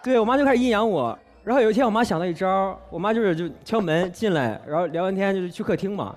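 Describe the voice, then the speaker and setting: A man telling an earnest, comedic personal story on a variety talk show, his voice dropping softly on asides, in a television studio. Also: high-pitched, expressive, fast talker. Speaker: guest storyteller.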